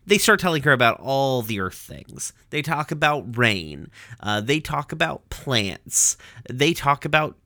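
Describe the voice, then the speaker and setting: A man's voice: mid-range voice, sing-song, measured pace, sharp tone, dry recording, clean studio sound. A young man casually recapping a cartoon episode, rambling and swearing, with many fillers. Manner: profane, rambling, with lots of fillers.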